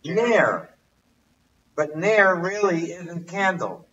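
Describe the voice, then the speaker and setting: A man's voice: sits high, big pitch swings, extremely slow, a bit bright, slight background noise. A man teaching a casual language lesson, quizzing his listeners and repeating his questions. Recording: distant, muffled livestream audio.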